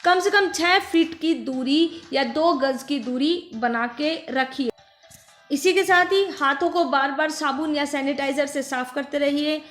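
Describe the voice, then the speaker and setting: A woman with an Indian accent teaching a children's phonics lesson, repeating words slowly for the children to say back. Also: high voice, fairly bright tone. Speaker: primary school teacher. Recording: echoey room with faint music.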